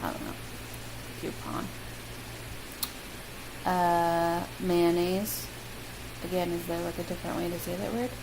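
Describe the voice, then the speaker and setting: With long pauses and a creaky, lowish voice, a young Midwestern American woman reads a word list at a measured pace. The vlogger keeps it casual, full of ums and self-directed quips, over a loud steady hiss.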